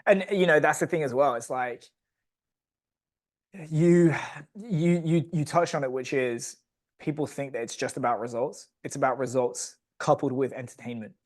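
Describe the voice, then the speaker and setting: A man's voice: medium pitch, moderate pace. Blunt, articulate man explaining as a podcast guest. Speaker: podcast guest, founder of a coaching education business. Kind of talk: casual podcast interview.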